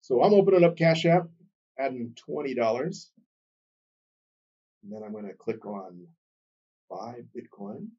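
A man with a husky, somewhat breathy voice hosts his solo podcast in a loose, chatty way. His pitch and loudness swing up with enthusiasm, then drop low again. The sound is dull and a little distant from the mic. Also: expressive, measured pace, long pauses. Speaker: podcast host. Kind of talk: casual solo podcast talk.

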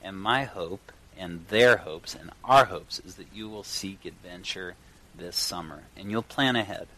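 A man with a fairly low voice hosts his own show from a garage. He speaks in an earnest, enthusiastic monologue, setting out his phrases deliberately as he addresses listeners directly. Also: bright, forceful tone, rough recording. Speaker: podcast host and yoga teacher. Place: in a garage, recording at a home studio setup.

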